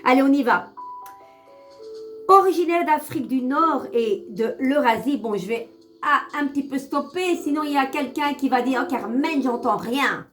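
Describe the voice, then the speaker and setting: A woman with a Brussels accent and a fairly high voice, talking as a tarot reader. She chats affectionately, often restarting her sentences, then reads her card text aloud. Soft music plays faintly behind her. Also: moderate pace. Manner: affectionate, chatty, many restarts. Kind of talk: casual card-of-the-day talk and reading aloud.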